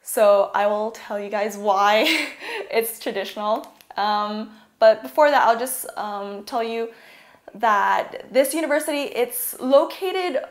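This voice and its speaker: Speaking slowly but animatedly in a fairly high voice, a young adult student from California, USA, gives a casual presentation on her university studies in an echoey space. She frequently uses "like" and "um."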